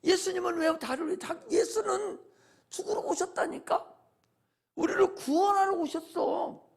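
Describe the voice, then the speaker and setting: Man playing a pastor with a very high, gravelly voice, impassioned sermon, swings from loud exhortation to hushed asides. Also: normal speed. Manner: repetitive preaching cadence.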